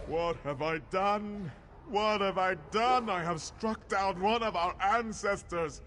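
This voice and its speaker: An actor playing an anguished, devout warrior priest in a video game, with solemn, formal delivery. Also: male voice, sits high, slow pace, a bit bright, slight background noise. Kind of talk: dramatic video game voice acting.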